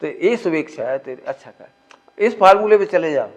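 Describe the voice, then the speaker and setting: A religious teacher with a slightly high, expressive voice delivers a spiritual discourse at a moderate pace. He speaks conversationally and often puts questions to his listeners. The recording is muffled and lo-fi.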